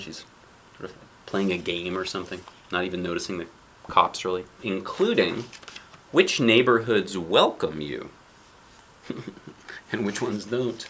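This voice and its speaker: A man with a low, bright, forceful voice reads a picture book aloud to children, with slight background noise. He breaks off for conversational asides, stopping to explain the pictures and to ask the listener questions.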